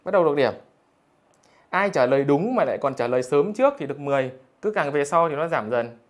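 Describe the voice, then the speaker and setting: A man's voice: a little high, expressive, quick pace. A male math teacher, reading out students' scores in a live online lesson in a teasing, jokey way. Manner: teasing, jokey, keeps asking "được chưa?".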